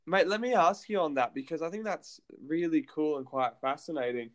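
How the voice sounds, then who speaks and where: A man hosting a podcast asks his guest long, friendly questions and keeps calling him mate. His voice sits a little above the usual male pitch. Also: brisk. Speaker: podcast host. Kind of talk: interview questions.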